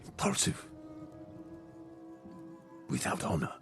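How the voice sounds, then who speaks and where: An actor playing a stern, dignified older samurai lord in a video game, speaking in a formal, measured, commanding way. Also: male voice, over music, natural voice. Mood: grave, reproving. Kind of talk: dramatic video game acting.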